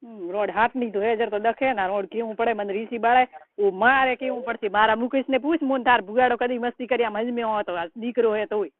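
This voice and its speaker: This middle-aged caller, a relative offering advice, talks scoldingly and colloquially in a rural Rajasthani Marwari accent during a private phone call. Her pitch is fairly high, her tone steady, her pace fairly quick. The call recording is noisy and the line tinny.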